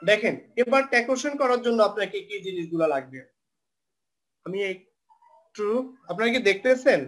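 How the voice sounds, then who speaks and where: High-voiced guy teaching a live online class, goes step by step, spells words out, throws english terms in. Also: expressive, moderate pace, a bit bright. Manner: mixes English terms into Bangla.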